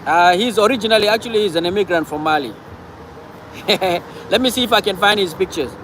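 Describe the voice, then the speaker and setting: A man's voice: high-pitched, brisk, background noise. A man from Cameroon, hosting a casual livestream and talking back to viewer comments, often repeating himself. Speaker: livestream host.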